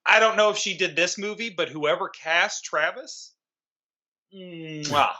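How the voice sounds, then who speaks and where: A man's voice: high-pitched, moderate pace, pushed and bright. A man co-hosting a casual movie review podcast, talking in a sarcastic, profane way. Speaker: podcast co-host. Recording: dull lo-fi sound.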